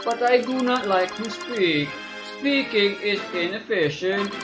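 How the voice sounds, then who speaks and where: A woman's voice: mid-range voice, unhurried, voice pushed up. A woman doing a robotic text-to-speech bomb expert. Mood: flat robotic. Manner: clipped, flat, word-by-word delivery. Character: terse male bomb expert speaking through text-to-speech. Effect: imitated robotic text-to-speech voice. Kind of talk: voiced game playthrough. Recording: echoey room with game music.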